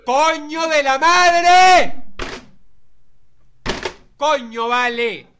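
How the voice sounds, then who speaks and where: A man with a Venezuelan accent narrating his gameplay, swearing nonstop and shouting in frustration. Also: very high voice, drawn-out words, music in the background. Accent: Venezuelan Spanish. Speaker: gamer. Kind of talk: raging gameplay commentary.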